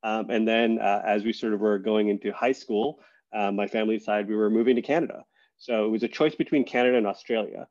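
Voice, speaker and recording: A man talking as a guest on a podcast, relaxed and thoughtful, with lots of fillers and restarts. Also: fairly low pitch, quick pace, lo-fi sound. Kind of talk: casual interview conversation.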